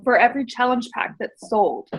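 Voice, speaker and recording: A woman with a fairly high voice joins a casual team meeting. She sounds unsure of herself and keeps checking whether she has the facts right. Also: moderate pace, low-quality recording. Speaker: team member.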